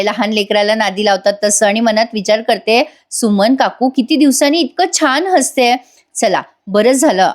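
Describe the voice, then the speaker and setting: Sex: woman. Role: serial review narrator. Style: voice-over recap. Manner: chatty, slightly high voice. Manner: chatty, addressing viewers.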